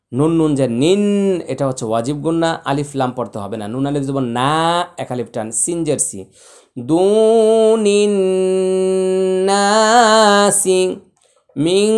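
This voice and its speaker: A man teaching Quran recitation, spelling out letters slowly and chanting verses with long drawn-out vowels. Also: mid-range voice, darkish tone. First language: Bengali.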